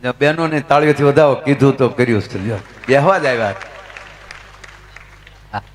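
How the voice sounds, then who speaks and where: A man's voice: medium pitch, moderate pace, slight background noise. Gujarati man telling stage stories. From Gujarat, India. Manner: chatty anecdotes, talks to the crowd. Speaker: folk comedian and storyteller. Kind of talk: live stage storytelling.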